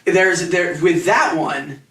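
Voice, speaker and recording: A man narrating a tabletop game as game master, describing scenes in halting, rambling phrases with many restarts. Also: high-pitched, fairly bright tone, recorded from a distance, slight background noise. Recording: echoey room, off mic.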